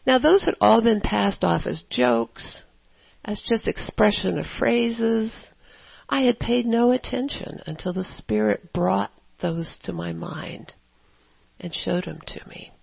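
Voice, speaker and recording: A woman preaching a sermon in a conversational, storytelling way with animated asides. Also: medium pitch, slow, gravelly, husky, no room sound, dull audio.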